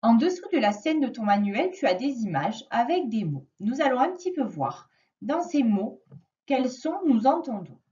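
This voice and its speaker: A woman teaching a reading lesson to a young child, slowly and patiently stressing each sound. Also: on the high side, sing-song, dark tone, far from the mic, dull audio. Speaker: primary school teacher.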